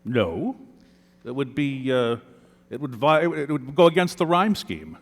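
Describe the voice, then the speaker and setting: A man plays the ghost of an old poet back from heaven, taking the stand in a staged mock trial. He speaks in a lively, rising and falling voice, stumbling over his words and then lecturing at length on poetic meter. The sound carries a long reverb from a large hall. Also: medium pitch, measured pace, creaky. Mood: earnest. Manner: hesitant, pedantic, explains poetic meter at length. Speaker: witness.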